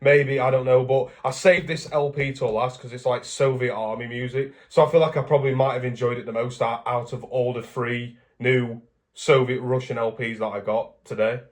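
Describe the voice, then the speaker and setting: A man's voice: mid-range voice, fairly even intonation, moderate pace. A man from England talking casually to camera in a vlog, rambling and correcting himself as he goes. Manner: rambling, chatty, self-correcting. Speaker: vlogger.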